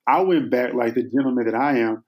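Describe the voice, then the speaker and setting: A man guesting on a podcast, telling a story in a relaxed, humorous way. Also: medium pitch, fairly quick, highs cut off. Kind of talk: casual storytelling in an interview.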